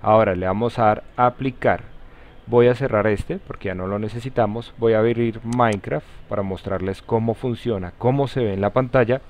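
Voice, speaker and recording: A man with a Colombian accent hosting a step-by-step software tutorial in an informal way, using friendly diminutives. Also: on the low side, steady tone, brisk. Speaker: tutorial host. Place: voice-over for a screen recording. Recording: slightly dull, lo-fi sound.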